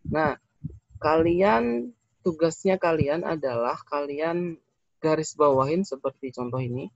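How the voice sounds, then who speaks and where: A man's voice: fairly high pitch, gravelly, dry recording. Indonesian man teaching, dry lo-fi sound. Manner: explains slowly, repeating phrases, with fillers. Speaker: English teacher. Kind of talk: recorded classroom lesson. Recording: dry, slightly dull lo-fi recording.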